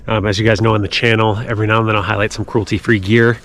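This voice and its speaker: Amid clear outdoor noise, a man with a fairly low voice narrates his winter hike. He speaks casually and a little haltingly, like a trail vlogger updating viewers from a snowy mountain. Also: flat delivery, fairly bright tone. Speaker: hiking vlogger. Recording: clearly noisy outdoor recording with clicks.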